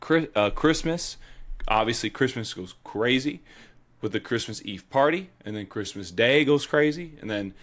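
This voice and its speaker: A young man co-hosting a podcast, telling stories in an easygoing, animated way with casual swearing. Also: mid-range voice, normal speed. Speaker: podcast co-host. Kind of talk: casual chat.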